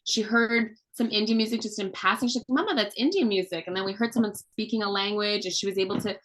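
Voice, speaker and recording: Talking fast in a mid-range, slightly bright voice, a children's book author and mother reads aloud to kids on a video call. She keeps it casual, teaching through questions and fun facts, though the audio is poor.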